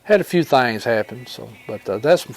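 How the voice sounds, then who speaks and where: A man with a rural Alabama accent tells personal stories in an informal fireside storytelling style, folksy and rambling, pausing often and recounting who said what. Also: medium pitch, expressive, gravelly, a little hiss or hum. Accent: Southern US, rural Alabama. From Alabama, United States. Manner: folksy, rambling, with pauses and reported dialogue. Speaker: storyteller and homesteading channel host.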